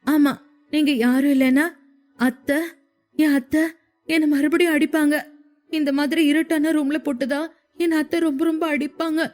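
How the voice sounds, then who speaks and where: A woman's voice: a little high, a little fast, a little mellow, soft background music, natural voice. A woman voicing a frightened young woman who pleads and trembles in a storybook narration. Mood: frightened pleading.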